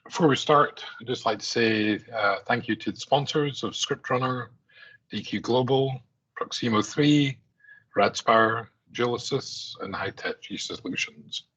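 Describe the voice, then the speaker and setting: His voice is medium-pitched, fairly bright, and a little breathy, delivered at a measured pace on a muffled recording. A middle-aged Aberdonian, he talks through his conference presentation casually, often using fillers and restarting sentences.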